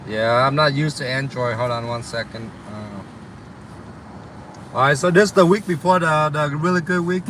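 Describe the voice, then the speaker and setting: A young man with a slight Vietnamese accent speaks in a mid-range, somewhat bright voice at normal speed. Streaming as a delivery driver, he reads viewer comments and rambles casually about deliveries with many ums and uhs. A little hiss or hum runs through the audio.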